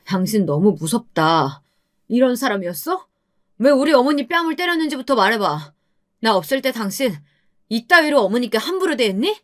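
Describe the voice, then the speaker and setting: A woman's voice: on the high side, big pitch swings, moderate pace, pitched above the performer's own voice. Woman reading an angry, accusing husband. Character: angry husband shocked by his wife. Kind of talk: storybook radio drama reading.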